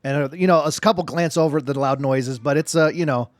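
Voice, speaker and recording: A man's voice: on the high side, fast, no echo, studio quality. A man running a tabletop game as game master, narrating casually in informal, slangy language.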